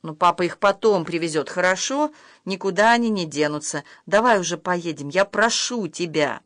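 Reader doing a frantic yelling mom, hysterical, dry close sound. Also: medium pitch, moderate pace, no room sound, lightly acted. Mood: exhausted. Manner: shouting, accusing. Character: distraught shouting young mother, hysterical. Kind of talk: audiobook role reading.

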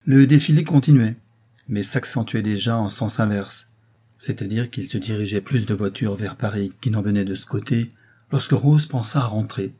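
A man reading a classic novel aloud in a measured literary manner, raising his pitch for the characters' dialogue. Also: mellow, slightly rough. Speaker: audiobook narrator. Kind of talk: scripted narration.

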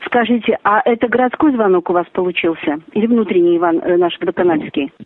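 Over a tinny phone line, a woman's voice plays like a glitchy robotic call, looping the same canned phrases no matter what reply comes back. It is medium-pitched and fast, with no room sound.

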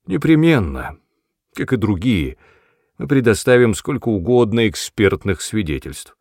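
A man reading the part of a calm male utility investigator in a plain, matter-of-fact way. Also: on the low side, unhurried, no room sound, studio quality, heavily acted. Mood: assured.

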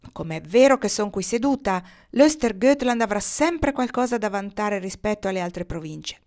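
A woman's voice: medium pitch, expressive, moderate pace, a little mellow, natural voice. A woman reading aloud, voicing a proud, haughty noble lady who foretells the future. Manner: read aloud with light character voicing.

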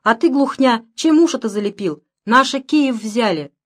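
Чтица в роли ликующей девчонки. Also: female voice, fairly high pitch, animated, moderate pace. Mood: overjoyed. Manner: shouting out eagerly. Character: overjoyed young girl, loud and breathless.

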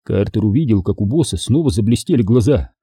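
A man narrating a crime novel as an audiobook in an expressive, dramatic reading. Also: on the low side, brisk, breathy edge, no echo, studio quality.

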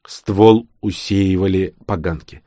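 A man's voice: low-pitched, fairly even intonation, slow pace, dark tone, dry recording, studio quality. A man reading an audiobook in scripted narration, doing all the characters himself.

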